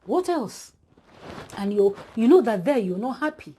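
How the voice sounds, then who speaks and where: A woman's voice: a little high, very animated, a little slow, dark tone, a little hiss or hum. A woman preaching an exhortation, speaking straight to her listeners with emphatic repetition.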